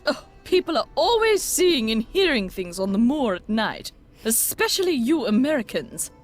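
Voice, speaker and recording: A woman's voice: a little high, sing-song, moderate pace, faint music behind. An actress voicing a stern older woman in a video game, brusque and dismissive. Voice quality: brusque, curt.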